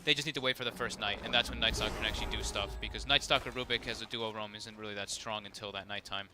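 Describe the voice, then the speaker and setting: A man giving analytical esports color commentary, talking fast with many fillers like "like" and "you know". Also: on the low side, steady tone, over music.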